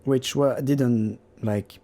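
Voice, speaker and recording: Guy rambling about his art in a warm mellow voice, lots of uhs and restarts, pokes fun at himself. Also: mid-range voice, steady tone. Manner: halting, many fillers and restarts; self-deprecating, laughs at himself. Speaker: digital artist. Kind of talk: casual voice-over about his painting process.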